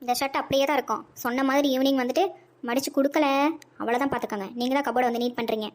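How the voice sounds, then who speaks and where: A woman's voice: high-pitched, steady tone, very fast, natural voice. A woman voicing a young wife and mother in a cartoon, bossy but sweet, chirpy and scolding.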